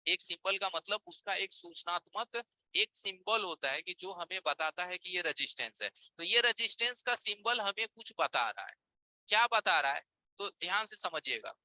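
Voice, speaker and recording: A man's voice: high-pitched, lively intonation, normal speed, bright, forceful tone, no echo, rough recording. A man teaching a live online repair class, explaining with everyday examples and rhetorical check-in questions over a screen share. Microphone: voice-over on a screen-share stream.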